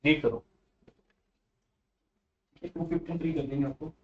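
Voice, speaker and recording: A man's voice: on the high side, steady tone, unhurried, dull audio. A male commerce teacher giving a classroom economics lecture, coaching and scolding students on how to read theory aloud.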